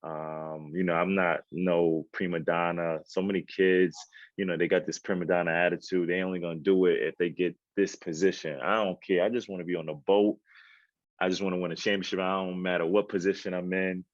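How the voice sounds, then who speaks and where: Low-voiced New man, laid-back. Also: flat delivery, brisk, no room sound, highs cut off. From Queens, New York. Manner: laid-back, streetwise slang. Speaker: podcast guest. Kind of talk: casual conversational interview.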